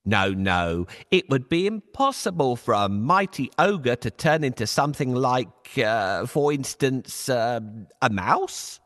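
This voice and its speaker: A man voicing a cunning, bold male cat in a bedtime storybook, talking smoothly and persuasively. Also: medium pitch, sing-song, takes it slowly, few pauses, fairly bright tone, voice pushed up. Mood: scheming, flattering.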